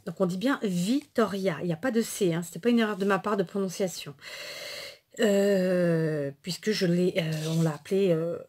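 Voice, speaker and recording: A woman's voice: mid-range voice, a little mellow, breathy edge. A woman in her thirties chatting casually to camera in a rambling way, with lots of asides and fillers. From France. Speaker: vlogger.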